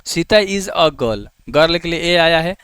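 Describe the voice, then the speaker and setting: A man's voice: fairly high pitch, animated, slow pace, a bit bright, clear, resonant tone, dry recording. A man teaching an exam-prep grammar lesson, asking questions and answering them for his students in a coaxing way. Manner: coaxing, calls students "babu".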